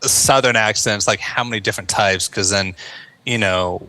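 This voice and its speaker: An American man speaks as an interview guest, thoughtful and earnest. His voice sits low yet has a bright, forceful edge, and his speech is loose and casual, full of "like" and "you know" as he works his way to each point. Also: moderate pace. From United States. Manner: earnest and reflective, many fillers like "like" and "you know". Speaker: guest, veteran turned actor.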